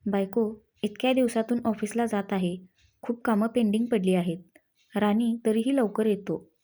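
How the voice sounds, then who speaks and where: A woman's voice: medium pitch, fairly even intonation, moderate pace, dark tone, natural voice. A woman voicing an affectionate, teasing young husband in a read-aloud story. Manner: playful, coaxing.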